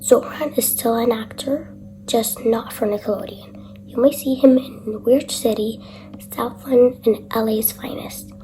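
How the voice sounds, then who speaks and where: Young woman, hushed whisper, slow unhurried delivery, casual vlog chat. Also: fairly high pitch, steady tone, soft background music, low-quality recording. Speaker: vlogger. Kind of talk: whispered late-night vlog.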